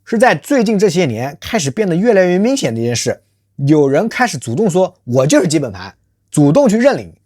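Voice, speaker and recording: Husky, lively commentary host. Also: medium pitch, fairly quick, no room sound, clean studio sound. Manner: rhetorical, emphatic, poses questions to listeners; calls self by nickname in third person. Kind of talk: scripted social commentary monologue.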